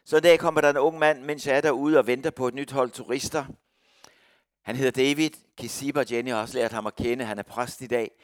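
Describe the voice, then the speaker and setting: A middle-aged man and missionary, telling a personal testimony story in a lively way. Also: mid-range voice, no echo, studio quality. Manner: lively storyteller who acts out quoted voices.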